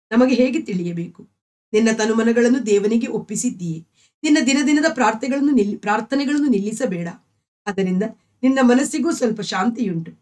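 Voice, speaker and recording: A woman's voice: medium pitch, darkish tone, natural voice. Devout old grandfather, kind and consoling, read by a woman storyteller. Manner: consoling, earnest.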